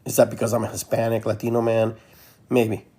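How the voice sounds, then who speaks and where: A man's voice: on the low side, completely flat delivery, a little fast, warm tone. A man from Peru hosting a podcast, talking in a loose, rambling monologue that keeps repeating phrases. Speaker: podcast host. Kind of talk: casual monologue.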